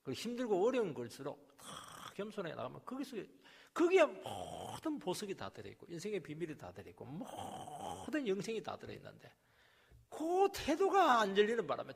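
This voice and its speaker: Korean pastor preaching in a reverberant church. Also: male voice, sits high, wildly swooping pitch, brisk, gravelly, slightly rough. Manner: swings from quiet asides to loud emphatic preaching; acts out quoted complaints and rebukes. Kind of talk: sermon. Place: church sanctuary. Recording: long reverb of a church hall.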